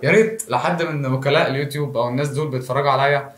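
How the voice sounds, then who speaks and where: A man's voice: mid-range voice, fairly even intonation, rapid-fire, a bit bright. A man with an Egyptian accent delivering a jokey comic monologue to a phone camera, with self-mocking asides. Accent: Egyptian Arabic. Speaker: comedy show host. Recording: roomy echo.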